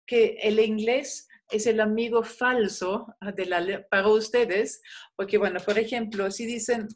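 A woman's voice: mid-range voice, slight background noise. Chatty woman teaching online. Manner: relaxed, frequent fillers, slow modelling of German sounds. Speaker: German teacher. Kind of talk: online class. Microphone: video call.

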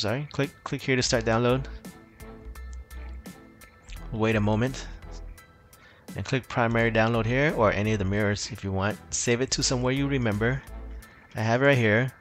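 A tech tutorial host casually walks viewers through a phone repair in a screen-recorded video, rambling loosely and restarting often. His voice is mid-range with a fairly bright tone.

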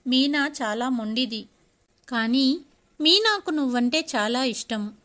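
Disappointed middle-aged father, voiced by a woman; firm, reproachful, bright tone. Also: high voice, animated, takes it slowly, exaggerated voice. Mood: stern, pleading.

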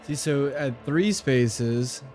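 A man's voice: mid-range voice, takes it slowly, darkish tone, soft background music. A young man hosting casual gameplay commentary, thinking aloud with fillers and repeats. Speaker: game channel host.

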